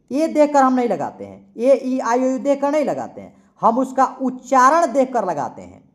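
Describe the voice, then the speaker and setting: A man teaching English grammar in a classroom lesson. He talks slowly and repeats himself, spells words out letter by letter, and asks questions that he then answers himself. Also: very high voice.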